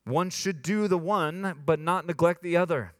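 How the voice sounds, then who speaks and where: A man giving a sermon. He drops low and hushed, then rises to high emphatic lines, and puts on a whiny voice to quote complaints. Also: normal speed, no room sound, studio quality. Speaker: pastor.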